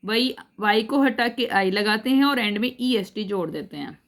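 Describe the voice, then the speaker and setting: A woman teaching a grammar lesson, explaining each rule step by step, repeating it and checking that her students follow, and reading the English rules slowly. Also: mid-range voice, fairly bright tone. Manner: mixes in English phrases, reads English rules slowly.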